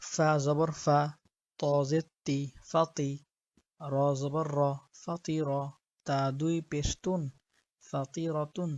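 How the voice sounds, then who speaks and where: A man teaching Quran reading, spelling out letters and syllables slowly and deliberately, one at a time. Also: a little high, level tone, darkish tone, dry recording, lo-fi sound. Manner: slow, deliberate letter-by-letter drilling. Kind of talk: slow spelling-out lesson.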